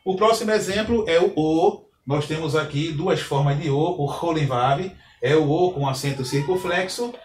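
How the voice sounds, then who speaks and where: Working at a whiteboard, a man teaches Hebrew at a moderate pace in a higher-than-average voice. He explains patiently, keeps checking on students with "tá ok, pessoal?", and the distant mic catches room echo, faint ambience, and slight noise.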